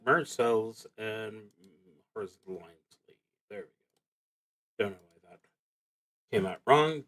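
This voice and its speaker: With a fairly high, slightly bright voice, a streamer narrates his solo roleplaying game in a relaxed way. Between announcements he mutters to himself, his thinking aloud coming out in halting bursts.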